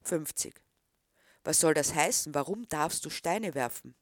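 A woman's voice: sits low, lively intonation, a little slow, dry recording, studio quality. A woman reading the part of a disapproving middle-aged man who questions a boy. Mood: stern.

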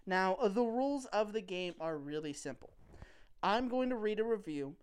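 A woman's voice: medium pitch, animated, moderate pace, a little mellow, clear, resonant tone. A woman hosting a casual podcast and introducing a game segment in a playful, loose way.

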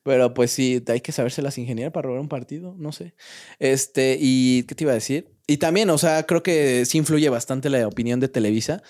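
On a laid-back podcast chat, a young Mexican-accented man talks a little fast in a mid-range, slightly mellow voice. His speech is slangy and loaded with fillers and restarts.

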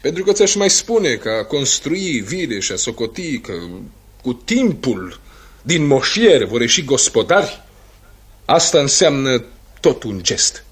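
An actor playing Trofimov, an idealistic eternal student who lectures earnestly, in a radio play. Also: male voice, medium pitch, very animated, breathy edge.

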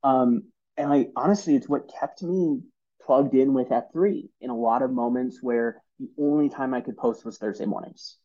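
A man in his thirties tells stories as a podcast guest, earnest and halting, often restarting his sentences. His voice is mellow and relaxed. The audio sounds a little dull and lo-fi. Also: medium pitch. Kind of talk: casual storytelling interview.

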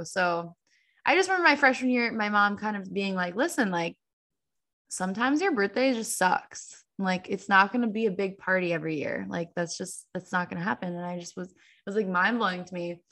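A woman's voice: medium pitch, expressive, fairly quick, fairly bright tone. A woman in her twenties chatting casually with a friend, talking with lots of "like" fillers. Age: 20s. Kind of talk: casual chat.

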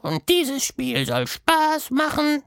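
A man voicing a silly, childlike shape-shifting monster in a storybook, asking wide-eyed questions in a squeaky, gravelly voice. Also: wildly swooping pitch, slow, fairly bright tone, no room sound, clean studio sound, heavily acted. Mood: puzzled. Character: silly playful male magic monster, shape-shifting and clueless. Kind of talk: storybook audiobook voice.

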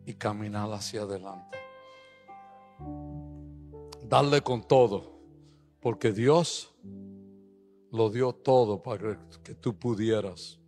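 A man preaching a sermon, telling stories and building up to loud exhortation, with English phrases mixed into his Spanish. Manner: storytelling, swings from low asides to loud rising exhortation.

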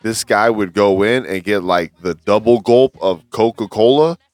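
Laid-back slangy man, lower voice. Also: moderate pace, dry recording. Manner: laid-back slangy banter, calls others dog and homie. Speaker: podcast co-host. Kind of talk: casual chat.

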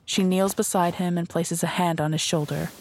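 A woman narrating an audio drama in a measured, descriptive storytelling manner. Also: fairly low pitch, steady tone, a little mellow, slight background noise. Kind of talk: scripted narration.

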